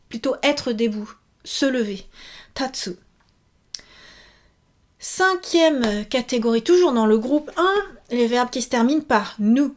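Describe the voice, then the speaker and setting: Chatty woman teaching a lesson. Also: a little high. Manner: chatty, many fillers, repeats examples. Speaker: Japanese teacher. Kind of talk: casual video lesson.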